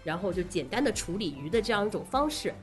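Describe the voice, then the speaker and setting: A woman's voice: medium pitch, big pitch swings, quick pace, soft background music. A woman speaking as an interview guest, explaining things casually step by step. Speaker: guest, association president.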